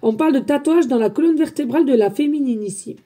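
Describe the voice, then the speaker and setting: A woman medium giving a spiritual guidance reading, talking loudly and emphatically and chatting with her viewers as friends. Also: high-pitched, fast talker. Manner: loud, emphatic, energetic talk. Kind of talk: casual spoken guidance to viewers.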